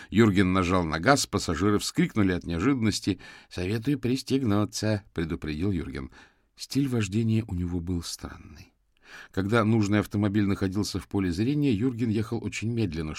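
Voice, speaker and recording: A man reads an audiobook thriller in a very deep, low voice. The delivery is even and scripted, and the sound is dry and close to the mic. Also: no room sound. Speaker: audiobook narrator. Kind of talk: scripted narration.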